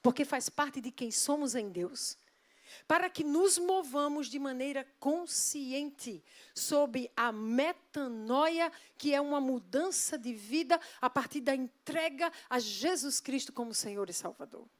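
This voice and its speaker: A woman pastor delivers a sermon in a church. Her voice sits high and clear, and she presses her points with emphatic rhetorical questions put to the congregation. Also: measured pace.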